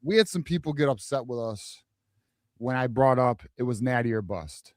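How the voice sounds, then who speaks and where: A man's voice: mid-range voice, expressive, moderate pace, no echo, studio quality. A man co-hosting a casual fan sports show, hyped and emphatic, repeating phrases and using slang.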